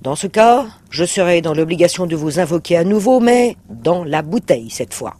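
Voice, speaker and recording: A man's voice: fairly high pitch, expressive, normal speed. A man voicing a greedy, cunning red-scaled male demon in an audiobook reading, sly and blustering. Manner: sly, blustering, sometimes shouting.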